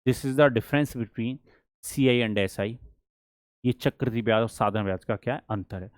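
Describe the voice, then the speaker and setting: A man teaching a maths lesson for exam prep. He asks the class questions and answers them himself, and he reads problems slowly and deliberately. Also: medium pitch, darkish tone, dry recording, clean studio sound.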